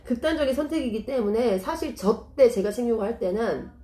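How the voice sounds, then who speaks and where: A woman's voice: on the high side, expressive, fairly quick, dark tone. A middle-aged woman talks through parenting in a casual, earnest way and keeps asking rhetorical questions. Her voice rises and falls a lot. The room around her is echoey. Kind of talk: casual explanatory talk.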